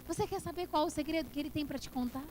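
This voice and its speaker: A woman's voice: sits high, racing, darkish tone. A woman pastor preaching a passionate sermon that builds to emphatic peaks in a church. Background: worship music.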